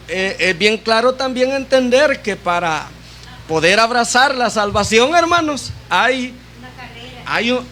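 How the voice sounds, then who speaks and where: A man's voice: sits high, bright, forceful tone, slight background noise. A man preaching a sermon as a deacon in a church, addressing his brothers and sisters with frequent rhetorical questions. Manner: retells a conversation, acting out both sides.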